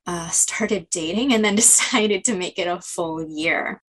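An American woman speaks as a podcast guest, friendly and relaxed. Her voice sits a little low for a woman. She talks casually, with the odd filler and laugh. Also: unhurried. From United States. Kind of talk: casual interview talk.

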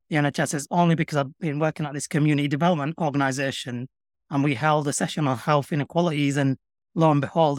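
A middle-aged man with a broad Yorkshire accent, speaking in a measured, earnest way as an interview guest. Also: a little high, no room sound, clean studio sound. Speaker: interview guest, public sector communications professional. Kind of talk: reflective conversational interview.

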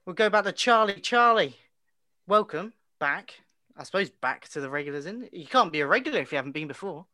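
A man's voice: high-pitched, lively intonation, brisk, sharp tone. A young man hosting a casual podcast chat, chirpy and teasing. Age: young adult. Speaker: podcast host.

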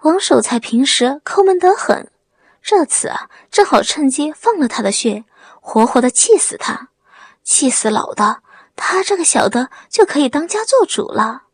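A woman's voice: high-pitched, very animated, normal speed, no room sound. A woman voicing a sly young village man who pretends to be timid and simple, stammering meekly. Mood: pleading. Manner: timid stammering act, cold when angry. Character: young village man playing dumb, secretly cunning.

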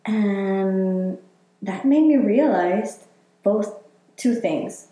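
A woman's voice: mid-range voice, animated, drawn-out words, warm tone. A woman from Chile, talking reflectively in a casual interview and using many fillers. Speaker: interviewee, healer. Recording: very echoey room.

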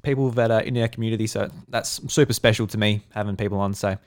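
A man's voice: lowish voice, fairly even intonation. A man in his twenties with an Australian accent, hosting a casual podcast chat, joking and teasing his co-host. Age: 20s. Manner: jokey and teasing, fast asides.

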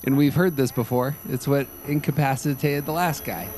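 A man's voice: mid-range voice, fairly even intonation, moderate pace, background noise. A man co-hosting a casual film discussion, narrating scenes and commenting on them. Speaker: co-host.

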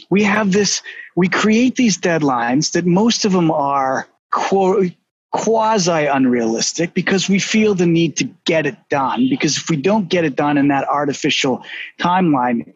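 Husky Boston-accented man telling stories. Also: on the high side, measured pace, no room sound. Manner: storytelling, animated, emphatic. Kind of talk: casual business chat. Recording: dull, slightly lo-fi.

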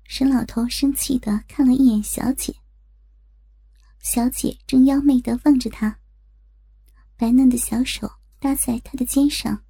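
A woman reading scripted story narration in a soft, breathy, creaky voice. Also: high voice, fairly even intonation, measured pace, pauses often.

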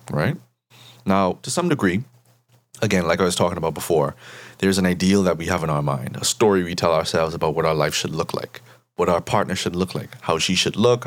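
A Bahamian man with a very low voice appears as a therapist guest in an interview. He explains his points patiently and in a measured way, often ending them with "right?". The audio is close and dry, with little room echo.

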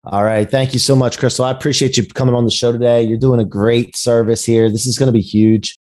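A man's voice: mid-range voice, flat delivery, brisk, a little mellow. A man hosting a business podcast in a conversational, motivational entrepreneur style full of buzzwords, recorded over a video call. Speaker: podcast host.

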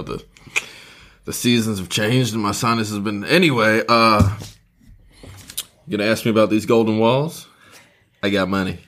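A man's voice: lowish voice, a bit bright, natural voice. Man putting on a boastful, flirty storybook king. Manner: rambling, brash come-on. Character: boastful, flirty king wooing another man's wife.

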